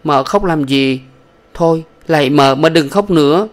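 A man doing a gentle, higher young servant woman. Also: unhurried, natural voice. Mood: consoling. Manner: soothing, pleading.

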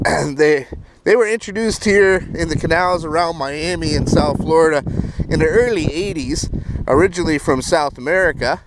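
A man talks casually to his viewers while fishing from the shore. His voice sits a little high and bursts into excited shouts when a fish bites. Steady wind and water noise run under the outdoor recording. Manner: excitable, exclaiming at catches. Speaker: fishing vlogger. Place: outdoors on a canal bank. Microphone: wearable action camera.

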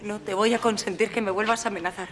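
A woman's voice: medium pitch, steady tone, fast, crowd noise, natural voice. An actress playing a composed young woman who answers an accuser firmly and coldly in a TV drama. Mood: defiant. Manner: firm, cold, defiant. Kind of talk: TV drama acting.

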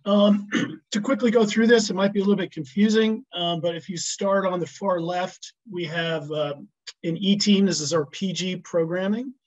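A man's voice: high voice, steady tone, normal speed, dull audio. A man presenting a ski program on a video call, hesitant with many restarts and fillers.

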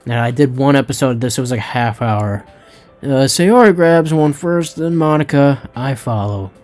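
A man's voice: mid-range voice, moderate pace, a little mellow, soft background music. Man reading a game aloud, jokey. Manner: jokey, swears, trips over words. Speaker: let's play host. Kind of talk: reading a visual novel aloud, joking.

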